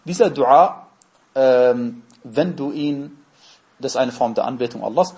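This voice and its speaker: Guy teaching a religion class, mid-pitched voice, walks through each term slowly and asks himself questions. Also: darkish tone. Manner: methodical, explains terms step by step; asks and answers own questions. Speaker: Islamic teacher. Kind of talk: religious lesson lecture.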